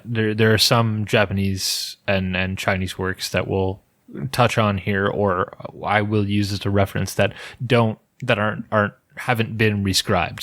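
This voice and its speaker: A man co-hosting a podcast presents folklore he has researched in a loose, jokey way, with restarts along the way. His voice is on the low side and a bit bright.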